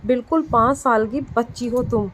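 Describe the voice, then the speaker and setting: A woman reading the lines of a caring, protective young husband in a storybook tale, gentle with a light scolding edge. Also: on the high side, fairly even intonation, normal speed, a little hiss or hum, lightly acted. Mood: tender.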